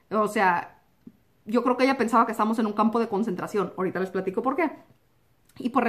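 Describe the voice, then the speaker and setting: Young woman vlogger, lively storytelling, voice sits a bit high, acts out the scenes. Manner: animated, acts out quotes and sound effects like "pum"; drops English words into Spanish. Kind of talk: personal storytelling to camera.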